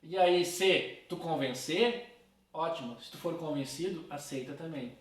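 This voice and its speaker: A man's voice: a little high, unhurried. A man teaching a philosophy class in a casual way, talking straight to his students. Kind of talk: recorded class lecture. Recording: roomy, from a distance.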